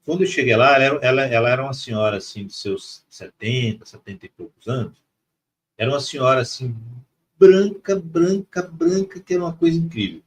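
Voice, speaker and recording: A man's voice: mid-range voice, expressive, quick pace, a bit bright, a little hiss or hum. A middle-aged man from Mato Grosso telling a personal spiritual story with feeling, repeating words for emphasis. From Mato Grosso, Brazil. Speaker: guest on a spirituality live stream.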